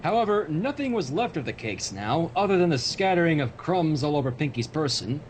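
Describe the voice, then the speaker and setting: A man hosts a livestream in a sing-song, fairly quick voice, reading fan fiction aloud and stopping now and then for joking asides. The livestream audio is noisy, with a low rumble underneath.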